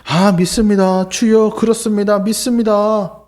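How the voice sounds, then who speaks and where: A man voicing a desperate blind man who shouts high and pleading for healing. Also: level tone, normal speed, lightly acted. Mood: earnest.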